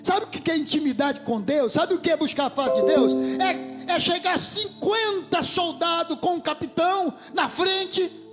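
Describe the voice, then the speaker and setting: High-voiced fervent Brazilian preacher. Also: male voice, a little slow, over loud music. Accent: Brazilian Portuguese. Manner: fervent, swells to shouts and drops to near whispers. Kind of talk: sermon. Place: church hall. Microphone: handheld microphone.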